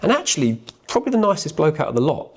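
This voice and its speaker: A man's voice: fairly high pitch, big pitch swings, rapid-fire, breathy edge. A British man, an actor, chatting casually in a matey, joking, sweary way. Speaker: actor promoting a comedy film. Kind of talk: casual banter in a game chat.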